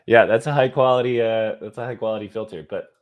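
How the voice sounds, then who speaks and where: A man's voice: fairly low pitch, fairly even intonation, quick pace. A man co-hosting a casual livestream chat, hyped up and swearing freely, laughing often, talking over a video call. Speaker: livestream co-host.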